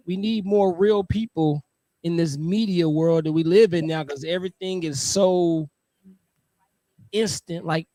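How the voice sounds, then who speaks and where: A man's voice: on the high side, measured pace, mellow, no echo. A middle-aged man and military veteran, a podcast guest speaking casually and enthusiastically, often repeating phrases for emphasis. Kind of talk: casual chat.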